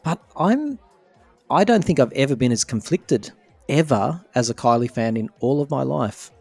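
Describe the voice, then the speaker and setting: A man co-hosting a podcast, chatting in a warm, reassuring, enthusiastic way while he is losing his voice. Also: mid-range voice, animated, normal speed, creaky, dry recording, faint music behind. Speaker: podcast co-host. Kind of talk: casual fan chat.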